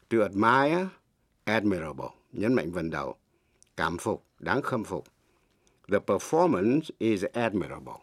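A middle-aged man teaching English in Vietnamese, a native Vietnamese speaker who explains slowly and spells words out letter by letter. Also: lowish voice, dry recording, studio quality. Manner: slow, deliberate, spells words letter by letter and repeats examples.

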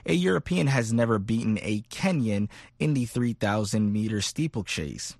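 A man presenting a radio sports news show, reading the results in a clear, measured newsreader manner. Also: fairly low pitch, lively intonation, a little mellow, no echo.

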